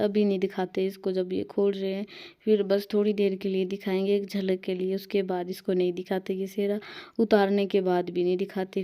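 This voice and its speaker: Chatty and rambling, a young Himachali woman narrates her vlog as she edits, catching and correcting herself along the way. She speaks at medium pitch with a warm, clean tone.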